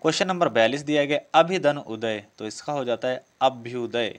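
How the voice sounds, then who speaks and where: Speaking at a normal pace in a medium register, this exam coaching teacher leads a test-prep session. He goes through questions methodically and keeps returning to the important phrases.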